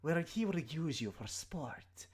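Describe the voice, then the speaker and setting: A man's voice: on the high side, lively intonation, a little mellow, breathy edge, full character voice. Man putting on a whispery, menacing snake voice. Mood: haughty, threatening. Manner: slow, drawn-out, formal. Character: menacing snake-headed humanoid cultist, haughty, obsessed with sacrifice.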